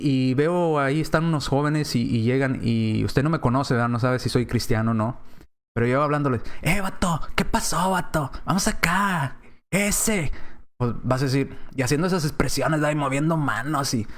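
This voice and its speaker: A man preaching a sermon in a conversational way, slipping into other voices to act out quoted speech. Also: mid-range voice. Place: church.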